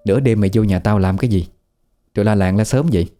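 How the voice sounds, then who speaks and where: A man's voice: fairly low pitch, quick pace, mellow, soft background music, lightly acted. A man doing a stern old grandmother. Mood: firm. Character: stern, steady old grandmother, protective widow.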